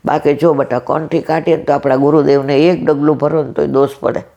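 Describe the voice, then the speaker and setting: A woman's voice: low-pitched, flat delivery, a little fast, vocal fry, warm tone, dull audio. A woman in her sixties giving a devotional talk at a satsang, telling a story and acting out each person's lines. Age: 60s. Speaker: satsang speaker.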